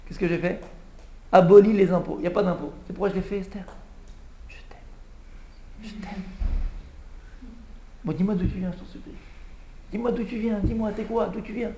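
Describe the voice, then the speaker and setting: A rabbi with a high voice tells the story to a small class in a lively way and plays out the king's pleading. The room rings with echo, and a faint hum runs underneath. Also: normal speed, pauses often. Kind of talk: Purim Torah class.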